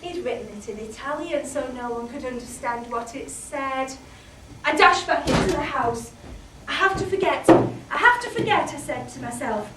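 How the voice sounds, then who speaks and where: A British woman playing a chatty, candid middle-aged housewife in a solo comic monologue, swinging from hushed asides to loud outbursts. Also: high-pitched, normal speed, natural voice. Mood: animated. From Britain. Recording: roomy, distant mic, faint background noise.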